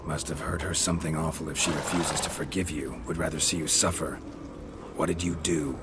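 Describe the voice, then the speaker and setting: An actor playing a stoic, world-weary monster hunter in a video game, deadpan and terse, in clipped sentences. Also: male voice, rumbling low, brisk. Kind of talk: low-key video game voice acting. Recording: noisy ambience behind the voice.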